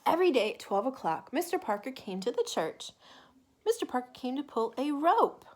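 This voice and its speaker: A woman reading a children's picture book aloud in an expressive, deliberate way, with asides to young listeners. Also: high-pitched. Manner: animated, deliberate, asks the listener questions. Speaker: children's story reader.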